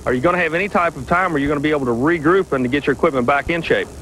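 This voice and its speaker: A man's voice: on the high side, racing, low-quality recording. A man working trackside as a tractor pull announcer and reporter. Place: outdoors trackside. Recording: loud outdoor engine noise.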